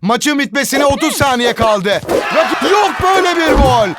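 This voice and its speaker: High-pitched screaming football commentator. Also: male voice, big pitch swings, heavy background noise. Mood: excited, screaming. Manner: shouted exclamations, drawn-out goal calls. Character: excitable male football match commentator in an arcade video game.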